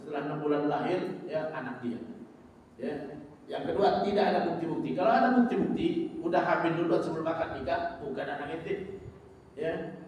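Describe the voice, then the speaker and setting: A man giving a religious study lecture, talking conversationally and acting out quick exchanges between husband and wife. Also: a little high, a little mellow, slight background noise. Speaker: Islamic teacher. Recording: echoey hall from far off.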